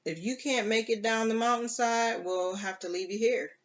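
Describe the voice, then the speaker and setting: A reader doing a rough, cynical pirate captain. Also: mid-range voice, normal speed, a bit bright, muffled recording, voice pushed up, lightly acted. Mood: gruff.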